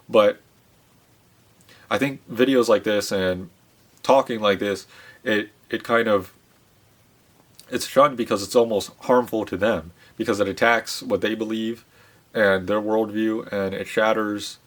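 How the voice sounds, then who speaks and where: A channel host with a fairly low voice speaks casually to his audience in a subdued, low-spirited, reflective mood. His monologue is full of pauses, fillers and restarts.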